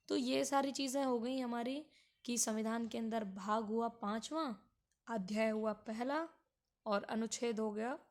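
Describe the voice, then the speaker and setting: A woman teaching an exam-prep lecture in a slow, explanatory way, repeating points for students. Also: on the high side.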